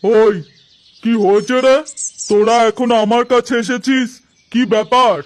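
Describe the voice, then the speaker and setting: A man's voice: very high-pitched, fairly even intonation, measured pace. A man voicing a skeptical village fisherman uncle in a cartoon story, questioning and a little impatient. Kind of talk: animated story dialogue.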